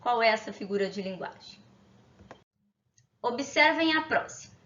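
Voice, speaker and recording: Teacher woman with a high voice. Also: expressive, normal speed, fairly bright tone. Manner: friendly, explains with examples and rhetorical questions. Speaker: Portuguese teacher. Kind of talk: online grammar lesson. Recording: echoey, dull lo-fi room sound.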